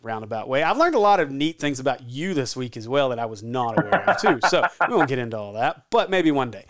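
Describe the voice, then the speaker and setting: Man, podcast host, chatty, rambling, smooth clear voice. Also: medium pitch, big pitch swings, fast talker. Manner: chatty, rambling, laughs often. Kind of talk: casual sports podcast chat.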